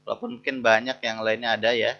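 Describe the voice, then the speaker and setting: A man, teaching an interactive lesson: he reads Arabic phrases slowly, explains each, and keeps checking with his students. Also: mid-range voice, level tone, gravelly, muffled recording. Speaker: lecturer.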